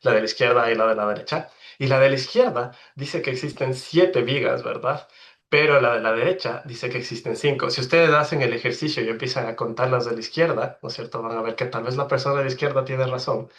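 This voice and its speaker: A man's voice: medium pitch, a little fast, fairly bright tone. A man in his thirties with an Ecuadorian accent, giving a friendly, explanatory online presentation as a veterinarian, often checking in with tag questions. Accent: Ecuadorian Spanish. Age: 30s. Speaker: webinar speaker, veterinarian. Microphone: video call.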